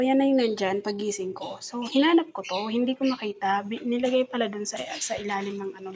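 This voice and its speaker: A woman's voice: medium pitch, darkish tone, a little hiss or hum, rough recording. A woman with a Filipino accent telling a rambling, aggrieved story in a casual vlog, mixing English words into her talk. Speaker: domestic helper vlogger.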